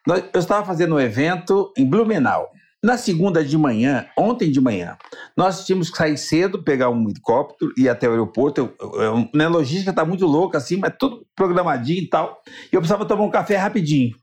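A man's voice: fairly high pitch, lively intonation, fast talker, darkish tone. Earnest Brazilian male storyteller. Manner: earnest storyteller, acts out quoted dialogue. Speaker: motivational speaker and guest. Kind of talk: telling a personal story in an interview.

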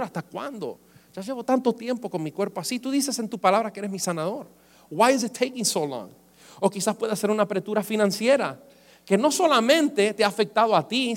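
High-voiced preacher in a reverberant hall. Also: male voice. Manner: preaching with call-and-response to the congregation; switches between Spanish and English phrases. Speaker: pastor. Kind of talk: bilingual sermon. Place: large church hall.

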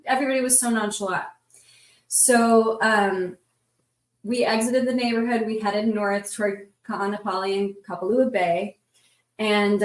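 Woman guest, mid-pitched, vivid breathless storyteller, recorded off the mic. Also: far from the mic. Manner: vivid, breathless retelling with many "like" fillers. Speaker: roundtable guest. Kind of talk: casual storytelling. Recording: roomy sound from off the mic.

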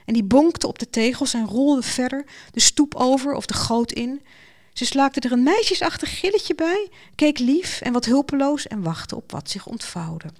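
A woman narrating a modern fairy tale with lively, expressive storytelling. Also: sits high, moderate pace.

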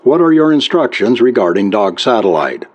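A man's voice: fairly low pitch, sing-song, normal speed. A man playing an impatient yacht skipper. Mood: urgent. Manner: impatient, insistent. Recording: dull lo-fi recording.

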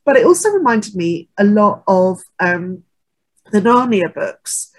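A woman co-hosting a casual book-chat podcast, reflective and quick to agree. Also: mid-range voice, sing-song. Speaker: podcast co-host.

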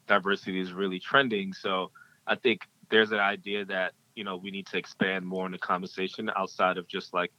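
A man with a low voice and a bright, forceful edge talks through his ideas as a podcast guest. He circles back, restarts, and fills pauses with "um" and "like." The recording sounds a little dull. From Ghanaian-American. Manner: reflective, with many fillers and restarts. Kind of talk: casual interview talk.

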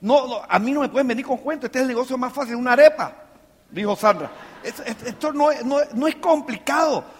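A man with a very high, slightly fast voice and a breathy edge mentors a business team. He delivers an emphatic motivational speech studded with rhetorical questions, and the live hall adds long reverb.

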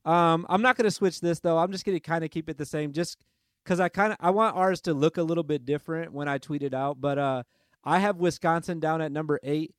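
A man talks through his basketball rankings in a loose, chatty podcast way, laughing at himself as he goes. His voice sits a bit high for a man. The recording is dry and close, with no room sound. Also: no room sound. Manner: chatty, self-deprecating, quick to change his mind. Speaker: podcast host. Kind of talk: casual sports podcast chat.

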